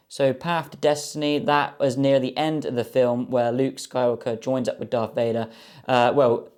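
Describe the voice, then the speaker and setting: A man's voice: medium pitch, a little mellow. A young man chatting casually as he opens a box of trading cards, enthusiastic and full of ums and guesses. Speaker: card box opener. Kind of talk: casual box-opening commentary.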